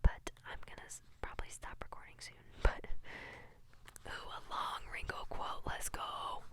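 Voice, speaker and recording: A young woman ASMR creator whispers softly and unhurriedly close to the mic, reading book quotes aloud. She adds giggly, chatty asides full of fillers.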